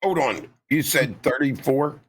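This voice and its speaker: A man's voice: mid-range voice, a little slow. A man co-hosting a podcast, chatting casually and teasing his partner with dry jokes. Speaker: podcast co-host. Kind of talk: casual chat.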